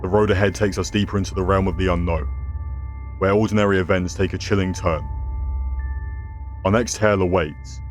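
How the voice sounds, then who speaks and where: A deep-voiced man reads scripted scary stories in the manner of a horror host. His delivery is theatrical and ominous, addressed to listeners as a storyteller. Music plays underneath his narration. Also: fairly even intonation, fairly quick, long pauses.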